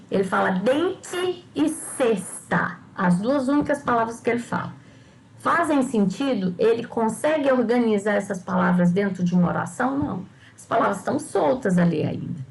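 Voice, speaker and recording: An older woman lectures her class in a slightly high, gravelly voice. She keeps checking in with her students and posing questions for them to answer. The delivery is that of an everyday classroom talk. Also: slight background noise, low-quality recording. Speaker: teacher.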